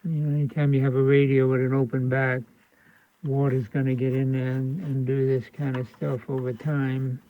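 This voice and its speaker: A man with an American accent hosts a radio repair video, giving unscripted commentary as he works with his hands. His mid-range voice moves little in pitch at a moderate pace, and he thinks aloud in folksy, colloquial terms over narrow, phone-like audio.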